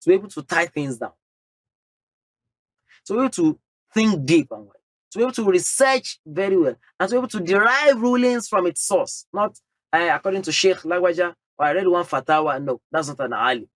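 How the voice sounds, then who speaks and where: An Islamic teacher gives an emphatic religious lecture, setting out numbered points and dropping in Arabic terms. His voice sits high and sounds animated at a normal speed, in a dry recording.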